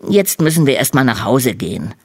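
A woman's voice: rumbling low, big pitch swings, fairly quick, breathy edge, no room sound, studio quality, pitched above the performer's own voice, heavily acted. A woman voicing a young schoolboy in a storybook reading, plain and matter-of-fact. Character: young schoolboy, sensible and a bit grumpy.

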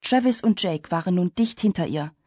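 A woman reading a story aloud in steady, measured scripted narration. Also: lowish voice, slightly rough, no room sound, studio quality. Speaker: audiobook narrator.

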